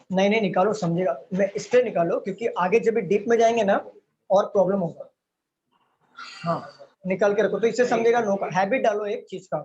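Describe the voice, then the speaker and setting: This high-pitched man with a darkish tone teaches reasoning over a live online stream. He works through each step, questions his students constantly, and blends English words into Hindi, all captured in dull lo-fi audio with faint noise.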